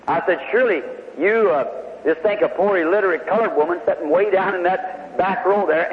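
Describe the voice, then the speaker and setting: Male preacher, folksy storyteller, long reverb of a big hall, faint hiss under it. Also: a little high. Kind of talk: sermon testimony storytelling. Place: large hall before a congregation. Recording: tinny old hall recording with faint hiss.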